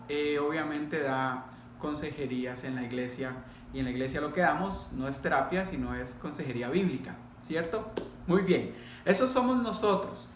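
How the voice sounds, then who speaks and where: The speaker is a Costa Rican pastor in middle age telling his personal story to a congregation. Deliberate and direct, he pauses between thoughts; his voice is fairly high with a bright tone, while the space echoes clearly and a faint noise sits underneath.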